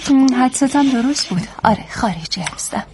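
Curt, guarded young maid. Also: female voice, high voice, animated, a little mellow, slight background noise. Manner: short, brusque replies. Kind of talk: cartoon dub acting.

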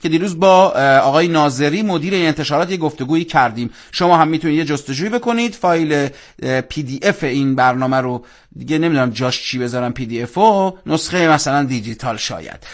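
A man hosting a radio program, speaking fluently and warmly, with frequent fillers. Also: on the high side. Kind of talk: hosting a live radio show.

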